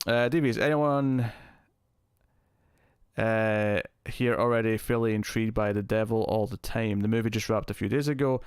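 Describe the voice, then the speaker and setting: A man with a fairly low voice hosts a casual live stream. He rambles easily as he answers viewers and thinks aloud. The sound is close and very dry, heavily compressed so that his level stays constant. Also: steady tone, moderate pace, clean tone, dry recording. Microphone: close streaming mic with compressor.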